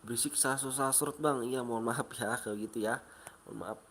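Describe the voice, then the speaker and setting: A man with a Betawi Jakarta accent, sick with a cold, chatting casually while livestreaming a mobile game, reading viewer comments aloud and counting down quickly. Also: medium pitch, a bit bright, a little hiss or hum. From Indonesia.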